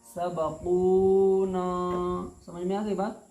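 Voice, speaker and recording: A male teacher giving a spelled-out recitation lesson, patiently drawling each word out slowly and repeating it. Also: high-pitched, a little mellow, lo-fi sound. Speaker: Quran reading teacher. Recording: echoey room with faint noise.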